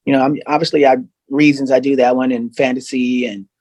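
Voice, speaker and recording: Medium in pitch and brisk in pace, this male guest singer's voice comes through without echo. He's chatting casually on a video call, spinning animated stories and often starting over.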